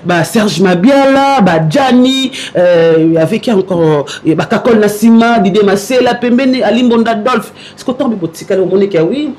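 A man's voice: sits high, darkish tone. A man hosting an interview. He answers in short acknowledgements and repeats the guest's words. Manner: quick back-channel replies, repeats the guest's words. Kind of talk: casual interview talk.

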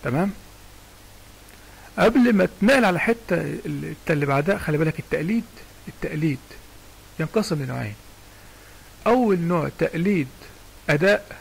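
Gravelly Egyptian man teaching recitation. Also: on the high side, animated, fairly quick, long pauses, low-quality recording. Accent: Egyptian Arabic. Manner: chatty, digressive, often asks "understand me?". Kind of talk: casual spoken lesson with sung recitation examples.

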